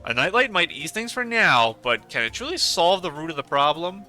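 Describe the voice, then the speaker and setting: A man reading the lines of a gentle, wise woman shopkeeper who speaks in proverbs, in a calm, measured way. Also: on the high side, faint music behind, voice pushed up, exaggerated voice.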